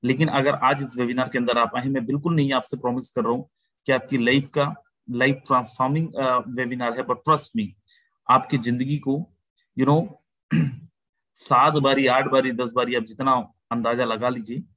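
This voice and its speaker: A man hosting an online video-call webinar, giving a persuasive sales pitch and often calling the listeners "my friend". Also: fairly even intonation, moderate pace, fairly bright tone, no echo, poor audio. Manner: persuasive, addresses listeners as "my friend", mixes English phrases. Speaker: webinar host.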